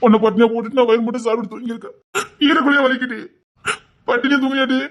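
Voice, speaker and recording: A woman's voice: fairly high pitch, steady tone, natural voice. A woman playing a caring young village man who fusses over his sweetheart. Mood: coaxing. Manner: fast, fussing, coaxing. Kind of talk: village romance drama acting.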